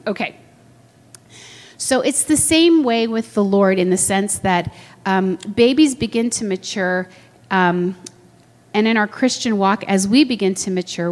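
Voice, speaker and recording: A woman preaching a sermon in a conversational way, asking the room questions and acting out quoted voices. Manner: acts out quoted voices with big pitch jumps. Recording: long hall reverb.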